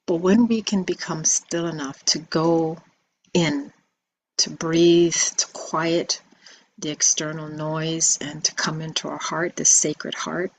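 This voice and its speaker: A woman giving a spiritual message video, soft-spoken and reflective, with many pauses and ums. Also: sits low, fairly even intonation, a little hiss or hum, rough recording. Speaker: spiritual teacher.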